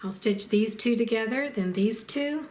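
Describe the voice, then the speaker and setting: A woman narrating a step-by-step quilting tutorial as the instructor, in a calm and methodical way. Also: on the high side, unhurried. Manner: calm, methodical, explains each step plainly.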